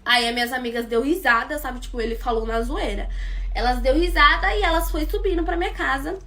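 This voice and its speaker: A woman's voice: high voice, brisk, sharp tone. A young Brazilian woman with a Brazilian Portuguese accent, chatting casually as she tells her followers a story, gossipy and addressing them like friends.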